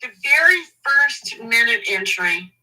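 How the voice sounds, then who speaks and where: A woman advocate in an interview, speaking emphatically and indignantly, slowing down to stress key words. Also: a little high, animated, sharp tone, recorded from a distance, low-quality recording. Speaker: advocate for a family in a custody case. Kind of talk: interview guest, reading court documents.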